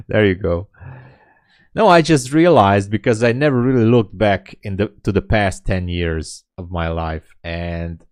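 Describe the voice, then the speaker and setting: A day trader in his late thirties chats casually during a live stream, responding to comments from viewers with a candid, self-deprecating attitude. He has a deep, low voice, recorded close and dry with almost no room reverb.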